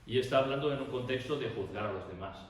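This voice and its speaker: A man's voice: mid-range voice, fast talker. A man preaching a sermon in a conversational way, asking rhetorical questions and adding tag questions. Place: church hall. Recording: echoey hall, mic far off.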